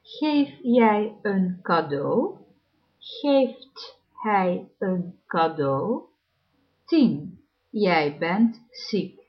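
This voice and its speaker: A woman reading numbered practice sentences aloud as a language teacher, in a deliberate drill style with long pauses. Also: medium pitch, lively intonation. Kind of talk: slow, clearly enunciated drill reading. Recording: dull lo-fi recording.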